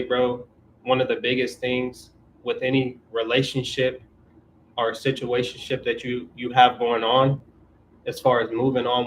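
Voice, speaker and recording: A man's voice: medium pitch, slight background noise. A man in his twenties hosting a casual live stream Q&A, talking in a laid-back way, reading viewer questions and giving relationship advice. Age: 20s. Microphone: camera on auto-tracking mount.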